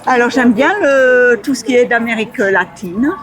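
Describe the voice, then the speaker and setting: A woman's voice: fairly high pitch, moderate pace. A woman answering a street interview thoughtfully, with many hesitations. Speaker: passerby.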